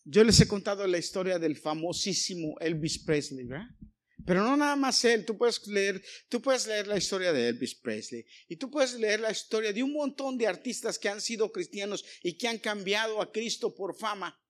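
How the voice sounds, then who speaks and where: A man's voice: high-pitched, animated, moderate pace. Emphatic preacher man. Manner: emphatic, swings between loud calls and hushed lines; addresses congregation directly with rhetorical questions. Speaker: pastor. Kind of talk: sermon.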